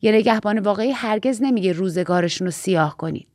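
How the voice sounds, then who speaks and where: A woman's voice: mid-range voice, a little mellow, dry recording, clean studio sound, lightly acted. A woman voicing a stiff, pious young woman in an audiobook, speaking in a prim, formal, clipped way.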